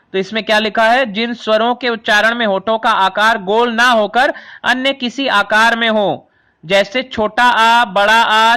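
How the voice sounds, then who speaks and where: A man's voice: sits high, bright, forceful tone. A man teaching a Hindi grammar lesson to children, explaining each term patiently and restating it in simpler words. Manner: explains patiently, repeating and rephrasing terms; addresses students as children. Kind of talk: classroom lesson explaining vowels.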